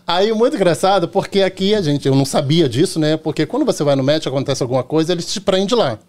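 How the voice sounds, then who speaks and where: Carioca guy on a podcast, kinda high voice, chatty storyteller acting out who said what. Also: expressive, fast, a little mellow. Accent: Carioca Portuguese. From Rio de Janeiro, Brazil. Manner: chatty, tells anecdotes acting out quoted dialogue, often tags "entendeu?". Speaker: podcast guest, hairdresser. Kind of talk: casual storytelling in a podcast chat.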